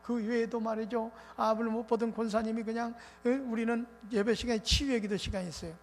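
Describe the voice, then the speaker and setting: A male pastor preaching a revival sermon in an animated, colloquial storytelling way. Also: very high-pitched, brisk, faint music behind. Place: church sanctuary. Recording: reverberant church hall with faint noise.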